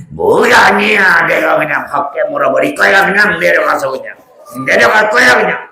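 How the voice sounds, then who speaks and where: A man doing a gravelly, sneering devil puppet. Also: fairly high pitch, expressive, normal speed, sharp tone, a little hiss or hum, exaggerated voice. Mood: gloating. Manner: taunting, cackling, shrieks when struck. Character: sneering male lying devil puppet, bullying and boastful. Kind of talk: children's church puppet show. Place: church hall, live show. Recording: echoey church hall, faint music.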